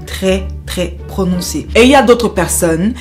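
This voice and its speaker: A woman hosting a commentary vlog, talking in an animated, emphatic way and rising in pitch on her key points. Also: unhurried, soft background music. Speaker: YouTuber host.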